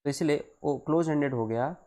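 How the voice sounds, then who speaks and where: Teaching a live online class, a man explains things deliberately, repeats key phrases, and shifts between Hindi and English as he speaks to his students. His voice is on the high side with a dark tone.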